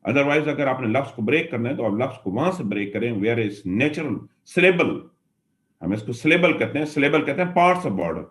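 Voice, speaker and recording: A man's voice: mid-range voice, expressive, normal speed. A man teaching English grammar in a classroom lecture, explaining patiently and repeating his points as he addresses his students. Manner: mixes Hindi and English mid-sentence.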